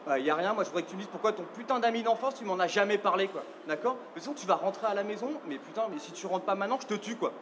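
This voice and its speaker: Brief: furious jealous partner, rapid threats, echoey and noisy. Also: male voice, high-pitched, lively intonation. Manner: swears and issues threats in a rush. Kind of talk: film acting. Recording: echoey with loud background noise.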